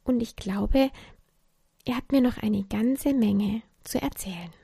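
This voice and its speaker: Woman voicing a gentle little girl. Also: a little high, slow, vocal fry, slightly rough, no room sound, clean studio sound, full character voice. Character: young girl, gentle and thoughtful.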